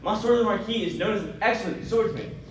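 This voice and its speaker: An actor playing an impassioned young lawyer who talks earnestly and insistently. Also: male voice, high voice, fast, close to an everyday voice. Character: young man, an impassioned lawyer demanding justice. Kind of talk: radio drama acting. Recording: echoey, distant, faint noise.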